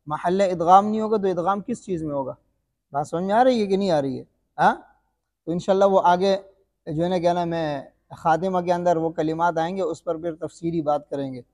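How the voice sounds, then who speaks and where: A male teacher leads a classroom-style recitation lesson in a high, slightly mellow voice, heavily reverbed. He repeats questions to the students, answers them himself, and recites his demonstration examples slowly and drawn-out.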